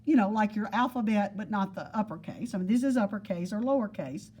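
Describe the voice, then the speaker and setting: A woman's voice: mid-range voice, brisk, warm tone, slightly rough. A woman teaching geometry to a class, explaining patiently and repeating points with everyday examples. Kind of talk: classroom lesson. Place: classroom with students.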